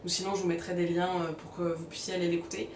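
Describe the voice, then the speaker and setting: A woman's voice: fairly low pitch, little pitch movement, fast talker, darkish tone, a little hiss or hum. Woman reviewing movies, host style, roomy sound a bit far from the mic. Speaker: host of a film review vlog. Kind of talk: film review, part scripted narration, part casual chat. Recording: roomy, distant mic, faint music.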